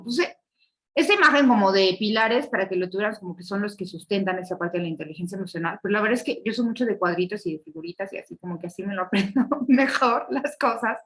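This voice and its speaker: A woman's voice: mid-range voice, rough recording. A woman giving a conversational online lecture on leadership, often ending points with a questioning tag and laughing. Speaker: speaker of an online leadership session.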